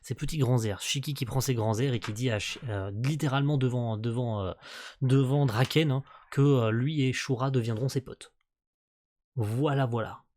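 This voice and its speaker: A man's voice: medium pitch, moderate pace, darkish tone, a little hiss or hum. Casual male reaction host, late-night tired, rambling delivery, lots of fillers and stumbles. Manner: rambling, full of fillers and tag words; stumbles over words and restarts. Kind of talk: casual live reaction commentary.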